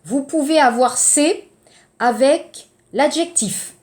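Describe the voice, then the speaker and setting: A woman teaching a grammar lesson to a class, explaining slowly and checking in often. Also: high-pitched. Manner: slow, deliberate explaining with checks like ok and d'accord. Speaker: French teacher.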